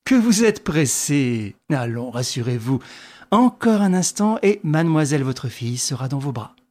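A man's voice: a little high, big pitch swings, normal speed, darkish tone. Arsène Lupin, suave thief, read by a man. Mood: ironic, assured. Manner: smooth, ironic, lordly. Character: suave young male gentleman thief.

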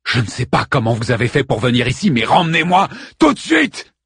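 A man's voice: mid-range voice, fairly even intonation, quick pace, vocal fry, breathy edge, no echo, clean studio sound, voice pushed up. A man voicing an angry old man in his nineties who gives harsh, commanding orders. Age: 90s.

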